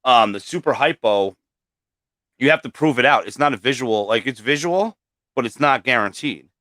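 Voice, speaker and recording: A man's voice: mid-range voice, animated, normal speed, bright, forceful tone, dry recording. A man hosting a livestream about breeding snakes, chatting casually, with frequent fillers and swearing. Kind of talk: casual chat.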